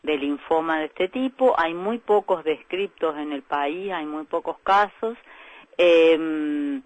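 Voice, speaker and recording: Calm Argentine woman doctor, dry sound. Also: low-pitched, takes it slowly, dry recording, poor audio. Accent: Argentine Spanish. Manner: calm explanatory, with frequent "eh" fillers. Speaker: breast specialist doctor, guest. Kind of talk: radio interview.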